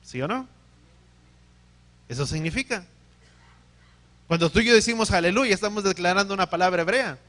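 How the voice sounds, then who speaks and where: A man preaches in a high, bright voice. He teaches carefully, puts questions to his listeners and corrects himself as he goes. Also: lively intonation, moderate pace, pauses often. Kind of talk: sermon.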